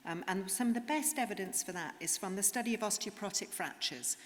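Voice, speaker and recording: A woman's voice: mid-range voice, quick pace. Woman lecturing in a reverberant hall. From England. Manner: earnest, explanatory, with frequent ums. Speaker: conference speaker, rheumatologist. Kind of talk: conference talk. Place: conference hall. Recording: reverberant hall, faint noise.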